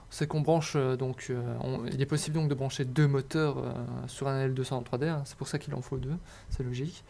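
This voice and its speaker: A man's voice: medium pitch, creaky, a little mellow, a little hiss or hum. A young man narrates a hobby electronics tutorial over slides. He talks casually, stumbling over fillers and restarts and joking at his own expense. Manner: hesitant, many fillers and restarts, self-mocking asides.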